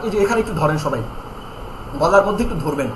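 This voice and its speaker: A man teaching Quran pronunciation in an online lesson, drilling each letter sound slowly and repeating it, with calm step-by-step instructions on tongue placement. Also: sits high, roomy sound, a little hiss or hum, rough recording.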